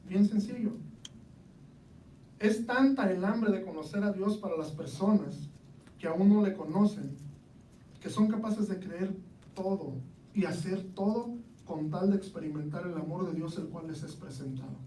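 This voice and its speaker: A man's voice: high voice, a little slow, mellow, a little hiss or hum. A man with a Mexican accent preaching a sermon in a conversational way, often asking the congregation rhetorical questions. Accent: Mexican Spanish. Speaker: lay preacher. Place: church hall. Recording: roomy hall from a distance.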